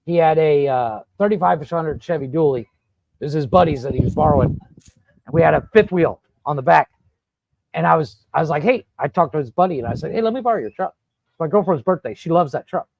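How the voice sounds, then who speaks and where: A man hosting a casual podcast, telling rambling, profane stories in an animated way. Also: a little high, a little fast, vocal fry, no room sound, muffled recording. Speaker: podcast host. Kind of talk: casual storytelling chat. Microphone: podcast studio mic.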